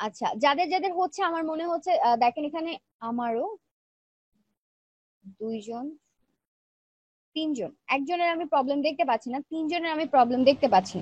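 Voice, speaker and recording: A woman leads a live online design class, walking through each step and checking in with her students. She talks quickly in a high voice, kept soft because she feels weak today. The audio is dry and a little dull, like a low-fi online class. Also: dry recording. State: feeling weak, speaking softly. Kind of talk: live screen-share tutorial.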